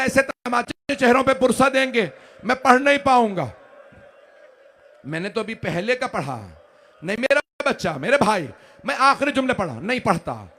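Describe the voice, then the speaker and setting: A man preaching a mourning sermon to a gathering, moving from hushed storytelling to wailing, shouted lament. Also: extremely high pitch. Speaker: Shia cleric reciting a majlis.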